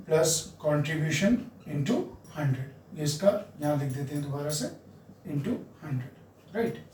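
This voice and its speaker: Indian male teacher, slow and methodical, echoey room. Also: fairly high pitch, a little mellow, slight background noise. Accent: Indian English mixed with Hindi. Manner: explains step by step, often checks in with "right" and "friends". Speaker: accounting teacher. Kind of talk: classroom lecture at a board. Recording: roomy, distant mic.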